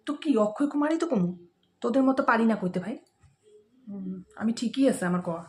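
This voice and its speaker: A woman's voice: a little high, fairly quick, lightly acted. A woman playing a simple, stubborn middle-aged mother in a comedy skit, with an insistent, chatty manner.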